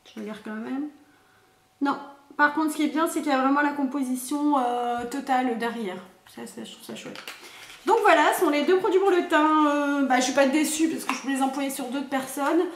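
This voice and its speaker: A woman's voice: high voice, normal speed, echoey room, a little hiss or hum. A woman, chatting through a makeup unboxing, thinking aloud with many fillers. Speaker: beauty vlogger. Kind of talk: casual product unboxing and swatching.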